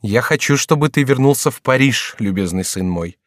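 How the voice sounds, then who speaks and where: A man's voice: medium pitch, lively intonation, moderate pace, no echo, clean studio sound, pitched above the performer's own voice, lightly acted. Man voicing a scheming queen mother. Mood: coaxing. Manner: falsely tender, imploring tone. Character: scheming aging queen mother, pleading and commanding.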